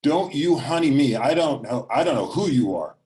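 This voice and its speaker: A man voicing a paranoid, mentally ill mother who shouts accusations, in a raised, loud voice. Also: on the low side, moderate pace, natural voice. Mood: shouting, accusing.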